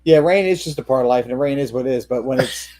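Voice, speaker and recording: A man's voice: medium pitch, fast talker, mellow. Man with a Southern hillbilly accent. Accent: Appalachian-style Southern hillbilly. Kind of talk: casual group chat on a livestream.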